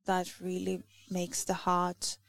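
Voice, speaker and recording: Lithuanian lady preaching slowly, gravelly, stops to find words. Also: fairly low pitch, completely flat delivery, dry recording. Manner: halting, searching for words. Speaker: church speaker. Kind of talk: sermon.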